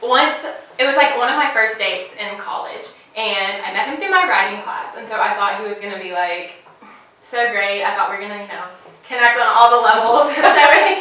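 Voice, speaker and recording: A twenty-one-year-old woman telling a funny story in casual chat, animated and laughing, in a bright dining room. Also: a little high. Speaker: co-host. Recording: echoey room, far from the mic.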